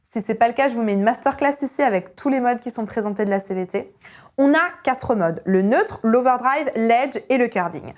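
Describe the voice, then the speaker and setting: A young adult woman teaching an online singing lesson as a vocal coach, energetic and emphatic. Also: a little high, fairly quick. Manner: energetic and emphatic, with sung vowel demonstrations.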